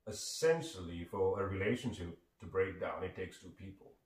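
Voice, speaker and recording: A Sri man with a low, deep voice speaks as a guest, earnest and reflective. He sounds set back from the microphone, and the room around him is echoey. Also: moderate pace. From Sri Lanka. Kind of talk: reflective conversation. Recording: echoey room, distant mic.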